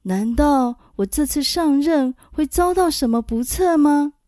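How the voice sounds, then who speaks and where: A woman's voice: high voice, measured pace, dark tone, no room sound, studio quality, pitched above the performer's own voice. A woman voicing an eager younger male official who asks anxious questions in a storybook telling. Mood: alarmed.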